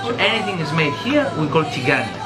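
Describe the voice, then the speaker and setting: Greek-accented chef with lively pitch. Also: male voice, very fast, loud music behind the voice, over a noisy crowd. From Greece. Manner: explains patiently in short broken phrases. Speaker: chef and restaurant owner. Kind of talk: casual cooking demonstration. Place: restaurant kitchen, indoors. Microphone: handheld camera close by.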